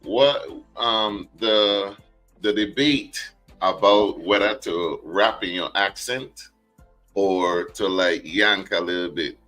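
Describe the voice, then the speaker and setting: Island-host guy, bright forceful voice, loose and slangy, a bit of music faint behind. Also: fairly low pitch, takes it slowly, poor audio. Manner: easygoing, laughing, slangy questions. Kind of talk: casual interview chat. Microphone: live stream call.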